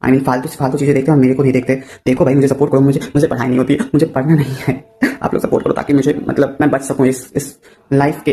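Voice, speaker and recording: Young male vlogger, mellow voice, quick rambling delivery, playful and self-mocking, drops English words in. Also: mid-range voice. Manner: jokey, playful. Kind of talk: casual chat to camera.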